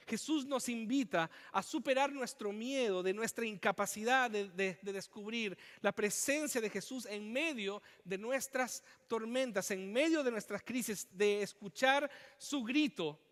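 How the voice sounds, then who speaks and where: High-voiced man preaching with passion. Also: a little slow, few pauses, fairly bright tone, big-room sound. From Chile. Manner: impassioned, emphatic preaching with repetitions. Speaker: pastor. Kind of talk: sermon. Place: church.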